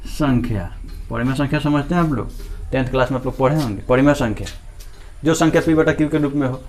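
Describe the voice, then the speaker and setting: A man leads a maths lesson in a fairly high voice. He asks his class questions and then answers them himself, and he goes back over key points again and again. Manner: repeats key points often. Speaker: teacher.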